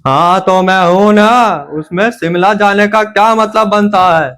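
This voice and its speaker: A man's voice: sits high, fairly even intonation, unhurried, a bit bright. A man playing a crotchety old grandfather who grumbles and teases his grandson. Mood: teasing.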